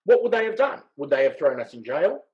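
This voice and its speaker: Measured man arguing a point. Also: on the high side, big pitch swings, a little mellow, dull audio. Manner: measured, argumentative and emphatic. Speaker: podcast panelist. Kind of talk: casual discussion.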